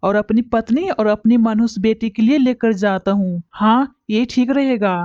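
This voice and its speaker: A woman's voice: fairly high pitch, a little slow, a little mellow, no echo, natural voice. A woman voicing a lazy, thieving male bird in a cartoon, grumbling and whiny. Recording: dull lo-fi recording.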